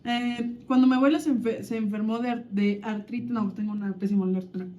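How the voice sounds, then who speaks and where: A woman's voice: on the high side, fairly even intonation, a little fast, dark tone. A woman co-hosting a casual chat, reading children's quotes aloud and reflecting on them, thinking aloud with many restarts. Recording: dull lo-fi sound.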